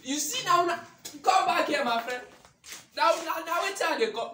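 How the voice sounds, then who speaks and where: A man playing a loud scolding Nigerian dad. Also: very high-pitched, lively intonation, moderate pace, heavily acted. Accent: Nigerian Pidgin. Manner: scolding, exclaiming. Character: scolding older Nigerian father, quick-tempered and loud. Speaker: comedy skit actor. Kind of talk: comedy skit acting. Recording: echoey room, mic far off, faint noise.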